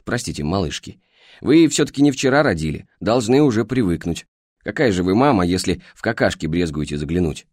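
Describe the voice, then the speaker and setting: A man voicing a brisk, ever-smiling private doctor with an unhurried, cheerful manner, in an audiobook. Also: low voice, animated, darkish tone, no echo, clean studio sound.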